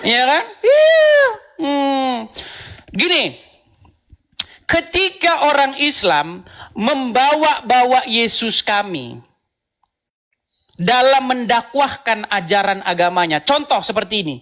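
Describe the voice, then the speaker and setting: A man's voice: very high-pitched, very animated, slow, pauses often, bright, forceful tone. A man hosting an online religious debate who talks in a mocking tone, laughs often and repeats himself. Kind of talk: provocative debate commentary.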